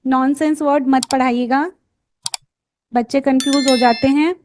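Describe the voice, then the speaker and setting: An Indian woman teaches phonics in a high, bright voice. She moves at an unhurried pace, stretching out each letter sound and pausing to ask the listener what comes next. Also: steady tone, a little hiss or hum. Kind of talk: lesson for parents and teachers.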